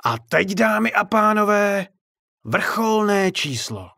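A man's voice: high-pitched, very animated, gravelly, pushed and bright, no room sound, studio quality, pitched above the performer's own voice, exaggerated voice. A man doing a taunting sinister circus clown. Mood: mocking. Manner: mocking, showman's sing-song. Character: menacing theatrical male circus clown.

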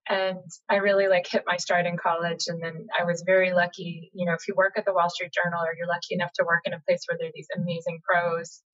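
A middle-aged American woman, a journalist guest, telling her story in a chatty, animated way over a video call from home. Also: lowish voice, fast talker, few pauses. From United States, Boston area. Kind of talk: casual interview conversation. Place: home room, indoors. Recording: slightly dull lo-fi video call audio.

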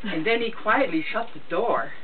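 A sweet old lady in her seventies reads a comic story aloud at home, deliberately and unhurriedly. Her intonation is lively and varied. She is picked up from across the room, with thin, phone-like sound. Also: medium pitch. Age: 70s. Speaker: grandmother reading a story aloud. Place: wood-panelled room in a home, indoors. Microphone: camera a few metres away. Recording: muffled phone-like sound, distant mic, noisy.

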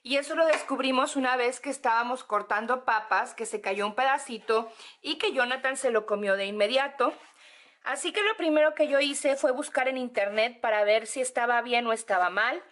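A young Mexican woman with a Mexican accent, gushing excitedly in a casual home vlog from her apartment. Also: fairly high pitch. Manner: excitable, gushing, drawn-out words. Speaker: vlogger.

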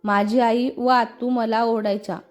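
In a storybook reading, a woman voices a young woman who tenderly confides her grief over her late father in dialogue. The voice is a little high, steady in tone, measured in pace, and lightly acted, with a grieving mood.

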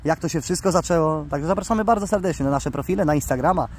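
A man vlogging outdoors by the water, excitedly coaxing his pet bird and calling its name. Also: a little high, fast talker, slightly rough. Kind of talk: casual outdoor vlog.

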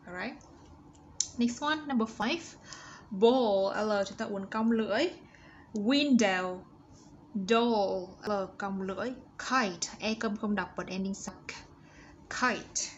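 A woman teaching young children, walking through exercises and modeling English words slowly for them to repeat. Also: medium pitch. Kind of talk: step-by-step exercise walkthrough. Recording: slightly dull audio with faint background noise.

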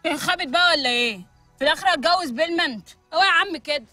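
A wildly dramatic Egyptian woman stuck in quarantine, wailing and carrying on in a very high, bright, cutting voice. She rattles along at speed in a broad sitcom style. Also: rapid-fire, soft background music. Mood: frantic comic. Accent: Egyptian Arabic. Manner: wailing, over-the-top comic outbursts. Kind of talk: TV sitcom acting.

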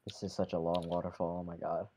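A man with a low, mellow voice that barely shifts in pitch chats casually while gaming with friends, rambling, correcting himself, and letting out quick exclamations. A faint hiss or hum sits under the recording.

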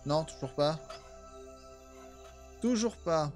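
A man's voice: fairly high pitch, lively intonation, slow pace, darkish tone, faint music behind. A man streaming a game, muttering casual commentary and swearing offhand.

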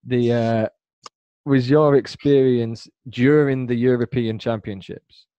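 A man's voice: medium pitch, steady tone, slow, warm tone, smooth, no echo, muffled recording. A man hosting a podcast, asking questions in a friendly, teasing casual chat. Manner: friendly, teasing, laughs easily. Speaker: podcast host.

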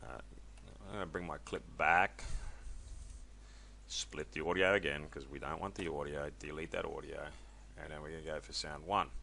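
A man casually walking viewers through a software tutorial, chatty and loose, with many ums and self-corrections. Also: rumbling low, steady tone, moderate pace, creaky, a little hiss or hum. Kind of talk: casual screen-recorded tutorial.

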